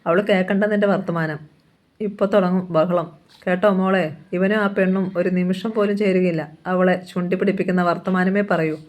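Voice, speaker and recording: A reader voicing a kindly old father in a novel reading, unhurried and gently grumbling. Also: medium pitch, fairly even intonation, natural voice. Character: kindly old father fond of his daughters.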